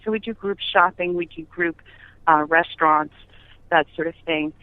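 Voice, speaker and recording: A woman's voice: on the low side, fairly even intonation, normal speed, dry recording. A middle-aged woman chatting as an interview guest, telling anecdotes in an emphatic way with rhetorical questions. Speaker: podcast guest, business founder. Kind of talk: conversational interview, anecdotal storytelling. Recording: tinny phone-line audio.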